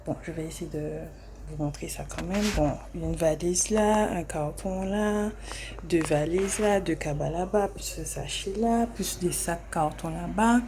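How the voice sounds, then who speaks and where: Young woman vlogger, lowish warm voice, hesitant and chatty, phone-filmed indoors. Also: unhurried, slight background noise. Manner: chatty, frequent hesitations and repeats. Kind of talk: casual self-filmed vlog chat. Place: small apartment indoors.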